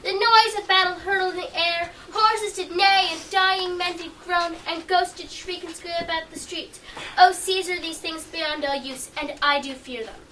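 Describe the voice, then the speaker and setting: A woman plays a fearful Roman wife pleading in verse. Her very high, bright voice comes from a distance. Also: steady tone, normal speed. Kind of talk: amateur stage acting. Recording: distant mic, faint noise.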